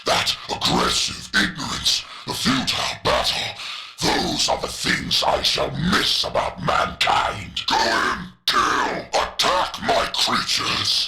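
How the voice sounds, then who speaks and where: An actor playing a ruthless, megalomaniac general in a video game, with a gravelly, forceful voice and a pompous, contemptuous, theatrical delivery. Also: male voice, mid-range voice, heavily acted. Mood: grandiose, then commanding. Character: ruthless megalomaniac male general, villain scornful of humanity. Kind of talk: dramatic video game villain acting.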